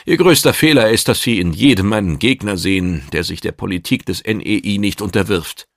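A man voicing a composed, persuasive male teleporter who speaks with measured confidence. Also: on the low side, dry recording, studio quality, lightly acted. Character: calm, self-assured male teleporter visitor.

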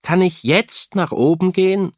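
A man's voice: a little high, slow pace, creaky, dry recording, studio quality, voice pushed up. A man reading aloud, voicing a sulky, evasive teenage schoolgirl with curt, grudging replies. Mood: impatient.

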